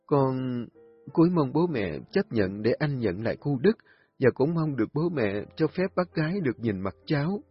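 A gentle young mother who speaks softly and earnestly, read by a male narrator. The voice is slightly husky and has a lively lilt. It sounds dull and lo-fi. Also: mid-range voice, normal speed, no room sound, soft background music, voice pushed up. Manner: soft, earnest pleading. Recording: dull lo-fi recording.

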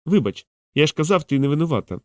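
A man's voice: fairly high pitch, big pitch swings, quick pace, no room sound, clean studio sound, pitched above the performer's own voice. An audiobook reader voicing a young male thief who talks in a raised, wry and indignant way.

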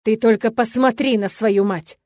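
A cruel middle-aged father hurls sneering insults in a loud, contemptuous voice, as a woman reading the story acts him out. He sounds like a bully who is sure of his power. The reading is dry and close, with no room sound. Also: on the high side, quick pace, no echo, lightly acted. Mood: raging.

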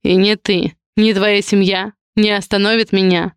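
A woman reading an audiobook voices a cold, arrogant duke who speaks sternly and with quiet menace. The delivery stays curt and controlled, in a smooth, clear voice. The recording is close and dry. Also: mid-range voice, level tone, normal speed, no echo, close to an everyday voice. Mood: menacing. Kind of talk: audiobook character voice.

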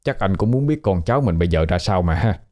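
A man's voice: low-pitched, lively intonation, fast, mellow. A man voicing a polite, inquisitive young man questioning a ghost.

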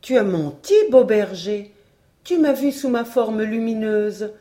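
A woman reading aloud voices an old spirit woman from a folk tale, coming for a young shepherd as her promised groom. She speaks in an insistent, coaxing storybook voice with a mellow, warm timbre. She is a witch who will not take no for an answer. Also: fairly high pitch, a little slow, lightly acted.

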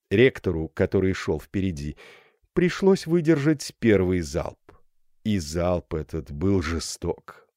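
A man reading a classic novel aloud as an audiobook narrator, in a lively storytelling manner. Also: fairly low pitch, no echo, clean studio sound. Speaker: audiobook reader. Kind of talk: scripted narration.

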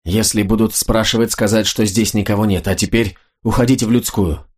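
A man's voice: fairly low pitch, steady tone, a little fast, natural voice. A man voicing a proud, stern young noblewoman who speaks firmly and commandingly, in an audiobook. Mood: urgent.

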